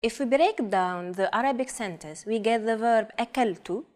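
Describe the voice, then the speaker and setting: Higher-voiced woman co-hosting a lesson. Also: a little mellow. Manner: careful, slow modelling of example words. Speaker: language lesson co-host. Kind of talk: scripted lesson narration.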